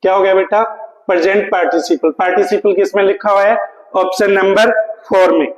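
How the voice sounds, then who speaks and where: High-voiced male teacher in an echoey room. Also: steady tone. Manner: questions then answers himself, calls students "beta", reads English lines slowly. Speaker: English teacher. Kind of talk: exam-prep lesson. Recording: echoey room with long reverb.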